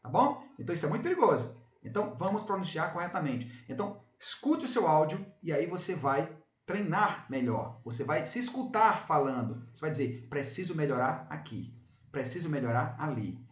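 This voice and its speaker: A man's voice: fairly high pitch, big pitch swings, fairly quick. A Brazilian man teaching English in a casual video lesson. He often repeats himself and checks in with his viewers. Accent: Brazilian Portuguese. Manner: repeats himself, tags phrases with "tá bom?". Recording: echoey room, slightly dull sound.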